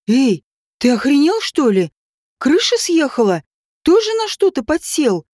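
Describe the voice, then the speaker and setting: A woman's voice: high-pitched, expressive, unhurried, darkish tone, no echo, clean studio sound. A woman reading an audiobook voices a frightened young man who whines and panics. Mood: panicked. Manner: panicky, whining.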